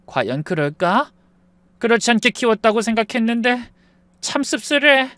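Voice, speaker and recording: Dying elderly rich woman, gentle and remorseful, read by a man with a high voice; dry close audio storybook reading. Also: big pitch swings, moderate pace, no room sound, full character voice. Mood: regretful. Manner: soft, weary, apologetic speech.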